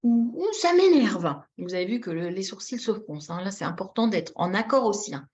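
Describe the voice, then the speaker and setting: Talking fast at a medium pitch, a woman running a baby-signs webinar demonstrates live on a video call. She repeats key words and acts out brief example phrases with lively, expressive intonation, and the webinar audio is dull and lo-fi.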